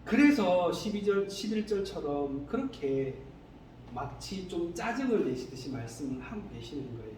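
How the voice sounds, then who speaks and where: Animated high-pitched male pastor. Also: normal speed. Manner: animated, asks the congregation rhetorical questions. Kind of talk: sermon. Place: church sanctuary. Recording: echoey hall, distant mic, faint noise.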